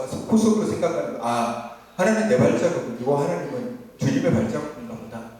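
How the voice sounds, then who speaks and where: Echoey Korean pastor preaching in church. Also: male voice, sits high, a little mellow. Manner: rhetorical questions to the congregation. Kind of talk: sermon. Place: church sanctuary. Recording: echoey church hall from far off.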